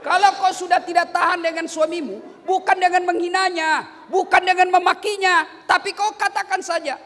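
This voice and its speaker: A man's voice: very high voice, normal speed, some chatter behind. A male preacher giving a humorous sermon, joking, acting out quotes and singing snippets. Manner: jokey, animated, acts out quotes and sings lines. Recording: long hall reverb, faint noise.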